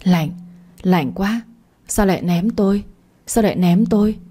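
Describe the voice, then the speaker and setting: A woman voicing a cold, vengeful female ghost with slow, drawn-out moaning. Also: medium pitch, dark tone, slightly rough. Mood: eerie, accusing.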